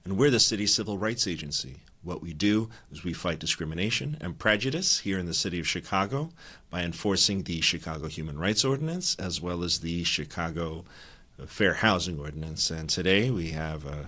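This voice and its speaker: Podcast host, male, from Connecticut; low voice, friendly interviewer. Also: lively intonation, fairly quick, bright, forceful tone, slightly rough. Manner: friendly, brief encouraging backchannels.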